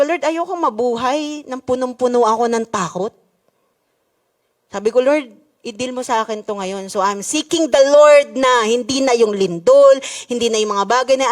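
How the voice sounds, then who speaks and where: A middle-aged woman pastor with a Filipino accent, preaching a sermon in a church and switching between Tagalog and English. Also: high voice. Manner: preaching in mixed Tagalog and English with rising emphasis.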